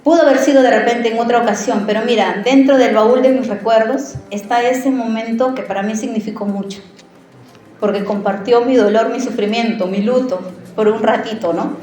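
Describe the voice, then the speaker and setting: High-voiced woman preaching in an echoey hall. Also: normal speed. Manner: animated, conversational, often asks the audience questions. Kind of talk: sermon with personal storytelling.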